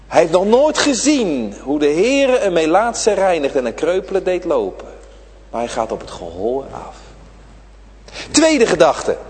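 A man preaching to children in a church, his voice set high and swinging widely up and down. He speaks slowly and emphatically, repeating short phrases as he addresses the young listeners. The voice is slightly husky and rings with a long reverb from the church. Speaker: pastor. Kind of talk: children's sermon on prayer day.

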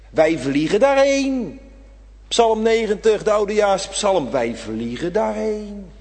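A man preaching a sermon with great passion, dropping to a hush and then rising to a shout. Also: high-pitched. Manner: impassioned preaching, swinging between hushed and shouted. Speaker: pastor. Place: church. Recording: church hall reverb.

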